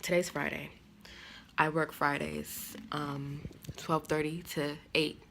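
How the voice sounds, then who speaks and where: A woman's voice: low voice, level tone, slow, gravelly, fairly bright tone, slight background noise. A young woman in a casual vlog, telling a personal story candidly and quoting others with animation. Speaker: vlogger.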